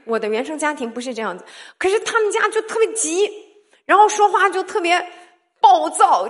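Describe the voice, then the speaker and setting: A woman giving a sermon-style testimony, animated and often laughing, who keeps putting rhetorical questions to her listeners. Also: sits high. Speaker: church speaker sharing testimony.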